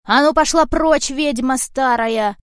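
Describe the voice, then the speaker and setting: A woman voicing a big, gruff, rude ginger tomcat who scolds and bosses people around, in an audiobook. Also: fairly high pitch, animated, normal speed, dry recording, studio quality, natural voice. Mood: shouting. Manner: loud, bossy, scolding. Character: old male house cat, gruff, rude protector. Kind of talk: audiobook character voice.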